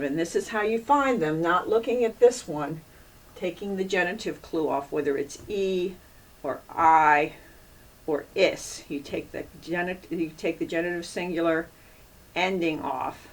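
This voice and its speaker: A woman teaching a Latin grammar lesson, patiently repeating and drilling word endings as she works at the board. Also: on the low side. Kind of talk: classroom lecture at a board. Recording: distant mic with faint room noise.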